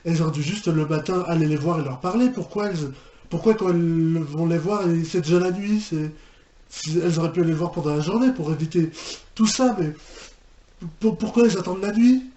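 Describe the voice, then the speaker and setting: A reaction video host talks in a slightly high, somewhat quick voice with a warm tone, offering casual commentary. He hesitates, repeats himself, and lets out incredulous exclamations. The room is echoey, with faint background noise.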